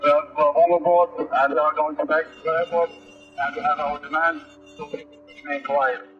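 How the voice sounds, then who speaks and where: A man making a halting cockpit announcement over the plane's radio, with fillers and repeated words, heard from an archive recording. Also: fairly high pitch, flat delivery. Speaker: hijacker pilot. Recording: muffled archive radio recording under music.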